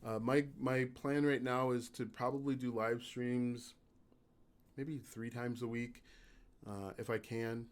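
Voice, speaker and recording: This YouTube channel host speaks in a raspy voice during a casual live stream. His delivery is steady and subdued, broken up by pauses and fillers.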